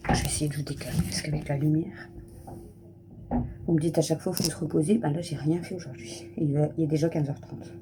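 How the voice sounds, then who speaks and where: A woman's voice: sits low, fairly even intonation, brisk, noisy background. A woman in her thirties, a family vlogger chatting casually to camera at home, rambling with lots of fillers. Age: 30s. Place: at home, just out of the shower.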